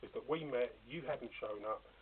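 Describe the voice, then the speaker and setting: A man's voice: medium pitch, normal speed. An older man, an elder speaking firmly and officiously in a dispute, picked up by a hidden wire. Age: middle-aged or older. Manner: firm, insistent, officious, dismissive. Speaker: congregation elder. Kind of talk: formal dispute in a meeting. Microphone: hidden recorder on another person. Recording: muffled, hissy hidden body-wire recording.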